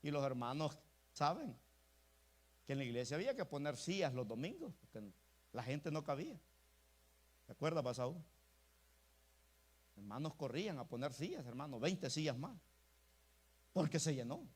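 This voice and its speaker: Man, pastor, emphatic sermon, fairly high voice, keeps addressing the congregation. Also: sing-song, moderate pace, long pauses, a little mellow, slightly rough. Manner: emphatic preaching, repeatedly addressing the congregation as brother. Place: church.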